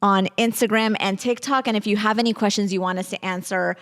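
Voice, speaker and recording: A woman's voice: medium pitch, steady tone, fairly quick, no room sound, studio quality. A woman co-hosting a podcast in friendly, easygoing casual chat. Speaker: podcast co-host.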